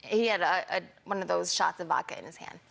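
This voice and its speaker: A middle-aged woman with slurred speech, answering defensively and haltingly in an interview, often repeating and restarting her phrases. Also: fairly low pitch, vocal fry, fairly bright tone. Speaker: talk show guest. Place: television studio in front of an audience.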